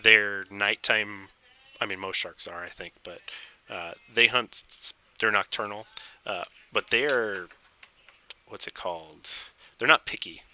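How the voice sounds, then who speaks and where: A man running a tabletop fantasy game as dungeon master, narrating casually and haltingly as he improvises. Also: lowish voice, bright, forceful tone. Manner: halting, informal, searching for words. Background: background game music.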